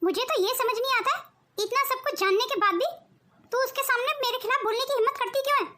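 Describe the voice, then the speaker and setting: A woman voicing a scheming, cruel older mother-in-law in an animated cartoon, with theatrical self-pity and gloating taunts. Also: very high-pitched, fast.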